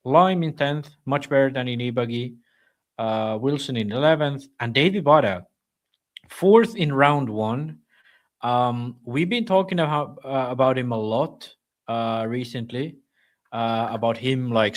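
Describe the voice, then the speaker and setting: A man co-hosting a casual podcast, methodically running through race results with many ums. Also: medium pitch. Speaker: podcast co-host.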